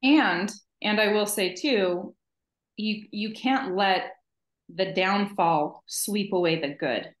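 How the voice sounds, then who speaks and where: A woman's voice: medium pitch, slow pace, roomy sound. A woman in her thirties, a podcast co-host speaking earnestly and emphatically in casual conversation over a video call. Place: home office, video call.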